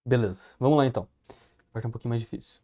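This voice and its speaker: A man with a Brazilian Portuguese accent giving a casual English lesson, explaining patiently and slowing words down to drill them. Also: mid-range voice, warm tone. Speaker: English teacher.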